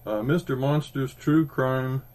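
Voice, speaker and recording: This podcast co-host, a man in his fifties with an Oklahoma accent, rambles casually about comics with plenty of ums and restarts. His mid-range voice is a little slow and a little mellow.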